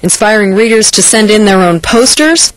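A woman's voice: mid-range voice, lively intonation, moderate pace, very noisy. A young woman reporting a scripted entertainment news segment from a TV studio, in a playful newsreader manner. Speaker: news correspondent. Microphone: lapel mic.

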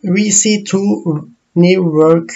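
A man whose first language is Turkish, walking through software screens in a slow, halting tutorial full of pauses and fillers. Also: high voice, fairly even intonation, vocal fry, dull audio. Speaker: software trainer.

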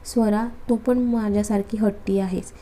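A woman's voice: mid-range voice, steady tone, normal speed, dark tone, close to an everyday voice, rough recording. A woman voicing a hot-tempered, bossy but loving young husband in a spoken story, scolding and then coaxing. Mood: fond.

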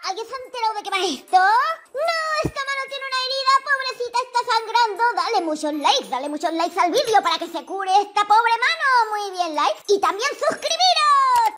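A woman giving playful commentary on a mobile drawing game, cooing sympathetically at the characters. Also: very high voice. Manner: animated, coos sympathetically at drawn characters. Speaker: gaming channel host. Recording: light children's music behind.

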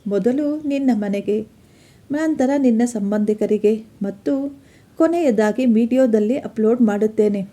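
A woman's voice: on the high side, mellow. A woman voicing an arrogant rich young man who taunts and blackmails, smug and mocking.

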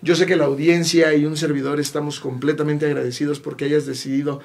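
A young man with a Mexican accent hosts a TV talk show in a small, bright studio, warmly and effusively praising his guest and repeating "mi queridísimo." His voice is fairly high, level in tone, fast and creaky.

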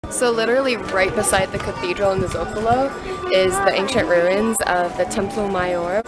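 A woman's voice: medium pitch, moderate pace, rough recording. Woman in her 30s, cheerful walking-tour vlogger, selfie-cam outdoors with music bed. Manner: chatty and upbeat, talking while walking. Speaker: travel vlogger. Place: outdoors on busy city streets. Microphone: camera held at arm's length.

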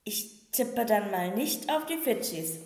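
A woman's voice: mid-range voice, expressive, slow pace, a little mellow. A woman voicing a plucky teenage girl in an audiobook, talking in a wry, blunt way. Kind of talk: audiobook reading. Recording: echoey room with long reverb.

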